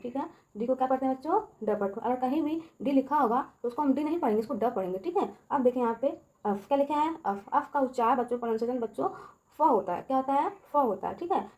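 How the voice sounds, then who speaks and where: Female tutor, slightly high voice, patient call-and-response teaching style, echoey room. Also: darkish tone. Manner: addresses kids repeatedly, checks with "ठीक है" and quiz questions. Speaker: English teacher. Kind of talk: Hindi classroom-style video lesson.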